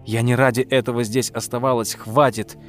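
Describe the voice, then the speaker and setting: A man's voice: medium pitch, little pitch movement, fairly quick, faint music behind, lightly acted. A man reading an audiobook, voicing a distraught noblewoman in frantic, accusing outbursts. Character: distraught noblewoman, countess, anxious and shrill.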